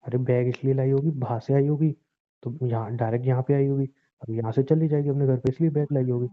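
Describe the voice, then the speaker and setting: A man playing a husband in a scripted couple drama, trying to calm his upset wife and dodge blame. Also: medium pitch, fast talker. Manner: soothing, evasive, pleading for calm. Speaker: husband in a staged call drama. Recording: lo-fi phone-call sound.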